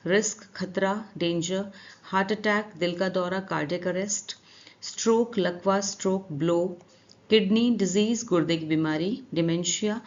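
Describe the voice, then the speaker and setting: A woman's voice: fairly low pitch, dull audio. Woman teaching English vocabulary. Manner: reads English phrases slowly, then explains in Hindi; often adds "theek hai" to check understanding. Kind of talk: newspaper vocabulary lesson.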